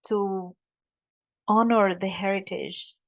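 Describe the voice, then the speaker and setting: A woman's voice: mid-range voice, steady tone, slow. A woman hosting a podcast interview, giving a formal, effusive introduction. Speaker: podcast host. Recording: dull lo-fi audio.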